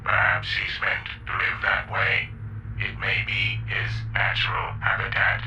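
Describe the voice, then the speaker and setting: A man voicing a deferential robot companion to a space captain in a retro radio adventure, speaking formally and with measured courtesy. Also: low-pitched, completely flat delivery, highs cut off. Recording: distant, faintly noisy recording.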